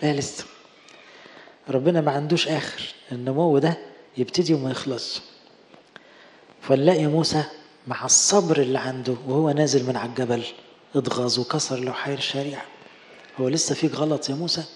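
A man with an Egyptian Arabic accent, a priest preaching a sermon and telling the story with lively acted dialogue. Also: mid-range voice, a little fast, long pauses. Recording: echoey hall with long reverb.

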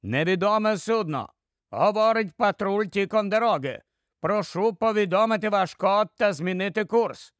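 Urgent and commanding, this male patrol dispatcher , as a man reading the story puts him on, barks orders over the radio in a raised, higher voice. The sound is dry and close, with no room around it. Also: animated, normal speed, dry recording.

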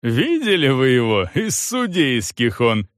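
A man voicing a rough, eager castle guard who talks bluntly and loudly. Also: mid-range voice, huge pitch swings, a little slow, no room sound, clean studio sound, pitched above the performer's own voice. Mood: mocking report. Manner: loud blunt soldierly speech.

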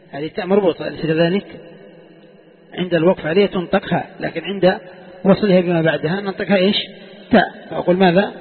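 A man's voice: high voice, husky. A man teaching a classroom lesson on Quranic exegesis, repeating questions to his students and dictating sentences for them to write down. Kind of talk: classroom lecture with call-and-response questions. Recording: tinny lo-fi lecture recording, long hall reverb.

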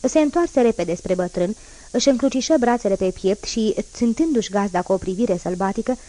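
A woman's voice: mid-range voice, animated, dark tone. Woman reading a classic novel aloud. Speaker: audiobook narrator. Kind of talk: literary audiobook reading.

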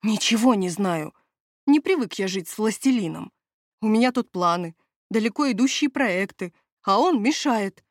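A woman's voice: medium pitch, lively intonation, normal speed, dry recording, clean studio sound, natural voice. A woman doing a whining, scheming castle steward. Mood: complaining. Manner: whining, evasive, haggling. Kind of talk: audiobook character reading.

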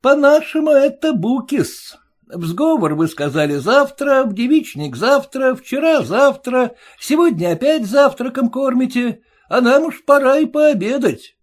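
A man puts on a full character voice, very high and well above his own, to play a sarcastic, quarrelsome young groom. Speaking at a measured pace but very animated, the character mocks his new in-laws in a jeering, indignant tone.

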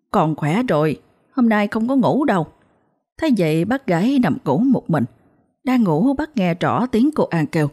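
A woman narrating a ghost story in a steady, plain storytelling manner. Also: lowish voice, slightly rough.

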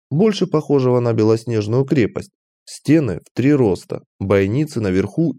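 Man narrating with lively pitch. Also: no room sound. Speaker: audiobook narrator. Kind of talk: scripted first-person narration.

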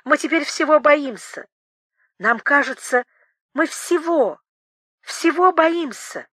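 A woman's voice: sits high, slow pace, fairly bright tone, no room sound, studio quality, voice pushed up. A woman voicing a timid, frightened woman who speaks in anxious, faltering apologies. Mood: flustered. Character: flustered, guilty, timid woman, easily frightened.

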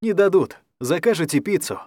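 A man voicing a calm, firm male coordinator who reassures and directs clearly. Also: high voice, moderate pace, no room sound, voice pushed up. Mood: reassuring.

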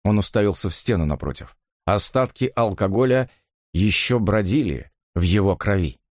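A man narrating a novel as an audiobook reading, with expressive, dramatic delivery. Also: on the low side, normal speed, no echo, clean studio sound.

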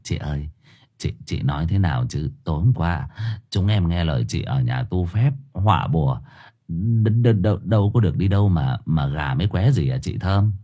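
A man's voice: on the low side, very animated, slow, pauses often, slightly rough, muffled recording, full character voice. A man voicing a sly young village rascal who mumbles stubborn, hesitant denials, in an audio storybook. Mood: evasive.

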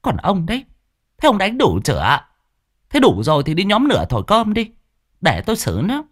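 A man voicing a strict but kind village mother in a high, commanding voice. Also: huge pitch swings, normal speed, slightly rough, dry recording, studio quality, full character voice. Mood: stern. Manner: shrill, commanding.

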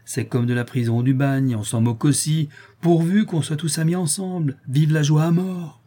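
Un homme lisant à voix haute prête sa voix à un détenu insouciant et moqueur. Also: male voice, fairly high pitch, moderate pace, mellow, natural voice. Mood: flippant. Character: carefree mocking male convict.

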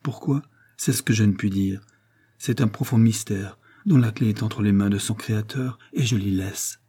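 A man voicing a gentle, sorrowful older mother who speaks softly and gravely, in an audiobook reading. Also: fairly low pitch. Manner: soft, grave, measured.

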